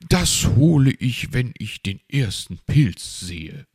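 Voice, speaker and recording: Man playing a grumpy old male owl, crotchety, pompous, husky, dry close sound, storybook. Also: medium pitch, big pitch swings, slow, darkish tone, dry recording, voice pushed up, heavily acted. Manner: irritable and pompous, making excuses. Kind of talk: storybook reading.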